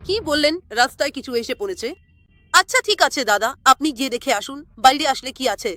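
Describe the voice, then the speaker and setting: Animated high woman voicing a doll story. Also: fast talker, no room sound. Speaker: doll story narrator and voice of the girls. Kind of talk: dolls story cartoon voicing.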